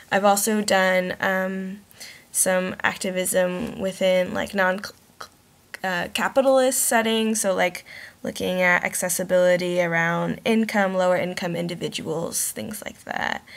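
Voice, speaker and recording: Creaky-voiced young woman podcaster. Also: mid-range voice. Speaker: podcast host. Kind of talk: casual podcast talk.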